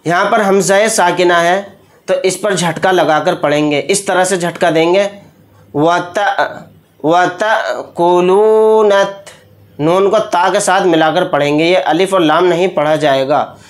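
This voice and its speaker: A man teaching Quran recitation rules, explaining each sound slowly and deliberately, then chanting the verses in long drawn-out tones. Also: sits high, fairly even intonation. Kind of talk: tajweed lesson. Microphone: close mic, speaking while pointing with a pen.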